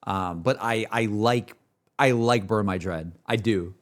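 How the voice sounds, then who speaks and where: A streamer reacting to game music talks in a low-ish, unhurried voice, rambling casually on a livestream. He peppers everything with "like" and "dude," as if in a laid-back chat among friends.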